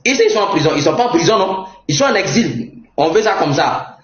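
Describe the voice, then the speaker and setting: A young man with an Ivorian French accent giving a heated political rant, mocking and often shouting and laughing. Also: high-pitched, big pitch swings, fairly quick. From Côte d'Ivoire. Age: young adult. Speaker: political commentator. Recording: roomy, dull lo-fi sound.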